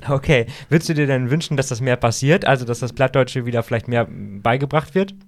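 A man's voice: mid-range voice, a little fast. A man co-hosting a podcast who asks questions in a curious, light way and laughs easily. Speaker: podcast co-host. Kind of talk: casual podcast chat.

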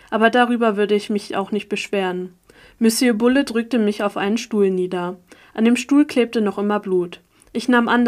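Female audiobook narrator, first-person story, even and steady, mid-pitched voice. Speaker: audiobook reader.

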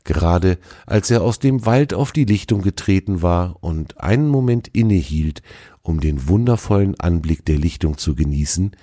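A man's voice: low voice, lively intonation, moderate pace, mellow, no room sound, studio quality. A man narrating a children's story in a storytelling manner.

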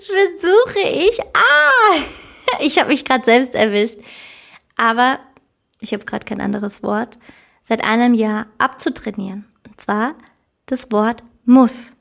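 A woman's voice: fairly high pitch, fairly even intonation, a little slow, gravelly. A woman coach giving an earnest, emphatic self-help talk, who laughs at her own slips. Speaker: life coach. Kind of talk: motivational self-help monologue.

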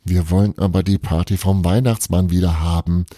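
A man's voice: low voice, steady tone, normal speed, dark tone, no room sound, studio quality. A man reading a storybook aloud, voicing a cheeky girl who insists on her wild tales in a playful, teasing manner. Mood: insistent.

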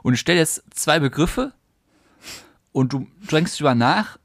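A man's voice: fairly high pitch, expressive, unhurried, vocal fry, a bit bright, no echo, clean studio sound. A man co-hosting a podcast, chatting casually and teasing his partner with playful questions. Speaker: podcast co-host. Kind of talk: casual chat.

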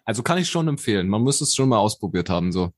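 A man's voice: on the low side, big pitch swings, fast talker, no echo, clean studio sound. A young man co-hosting a casual podcast chat, talking in a slangy, rambling way full of swearing. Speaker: podcast co-host.

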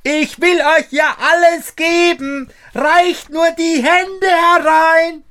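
Tiny cheeky boy, high piping voice, lively swoops, storybook reading. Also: a little slow, no room sound, studio quality, heavily acted. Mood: shouting. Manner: high, piping and shrill when shouting. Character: thumb-sized cheeky boy trickster.

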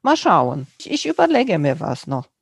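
A woman with a low voice, big pitch swings, vocal fry and a breathy edge talks at normal speed in a dry recording. She is a podcast host from Romania appearing as a guest on another podcast, speaking German as a second language. Her casual chat about her own show comes in loose sentences as she searches for words, with non-native grammar.

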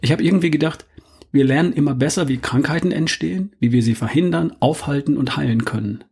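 A middle-aged man hosting a podcast, delivering a calm, measured, scripted monologue. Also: a little high, creaky, breathy edge. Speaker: podcast host.

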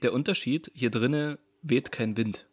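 A man's voice: medium pitch, unhurried, husky. A man co-hosting a casual podcast from home, teasing his partner in a playful way. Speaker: podcast co-host. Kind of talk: casual chat. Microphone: home microphone.

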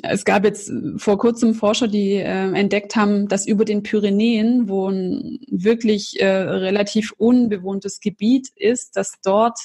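A woman's voice: mid-range voice, steady tone, a little slow, few pauses, mellow, breathy edge. A woman talking in an earnest, explanatory way, with frequent fillers, in a casual conversation.

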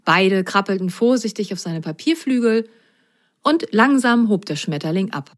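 A woman reading a children's story aloud as narrator, in a gentle way. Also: medium pitch, animated, moderate pace.

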